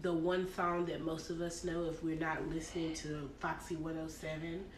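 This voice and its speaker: Female guest, 20s, blunt, lowish voice, roomy echo. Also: little pitch movement, moderate pace. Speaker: podcast guest. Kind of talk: casual roundtable chat. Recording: echoey room with faint noise.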